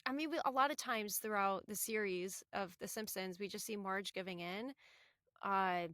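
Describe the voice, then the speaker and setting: A woman's voice: medium pitch, normal speed, a bit bright, no echo. Chatty woman podcast co-host, dry sound. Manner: chatty, full of fillers. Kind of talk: casual podcast chat.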